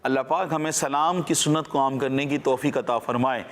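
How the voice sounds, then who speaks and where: A man's voice: mid-range voice, steady tone. A man presenting on a children's TV show, teaching patiently and quizzing his young listeners in a question-and-answer style.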